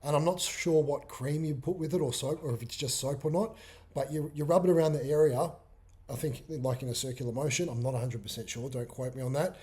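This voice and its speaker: A man's voice: medium pitch, brisk, mellow, slightly rough. Aussie or kiwi guy, fitness coach type, chatting casually and explaining stuff, informal. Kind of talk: casual chat.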